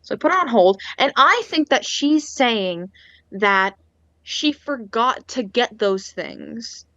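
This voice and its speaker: Podcast co-host, woman, slightly high pitch, lively storyteller who voices the other people in her story, dull lo-fi call audio. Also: slow pace, no echo. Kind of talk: casual chat. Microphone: internet call.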